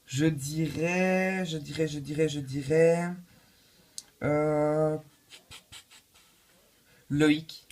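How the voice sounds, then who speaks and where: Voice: mid-range voice, fairly even intonation, very slow, long pauses, a little mellow. A performer voicing an eager, unsure woman quiz contestant who hesitates and thinks aloud.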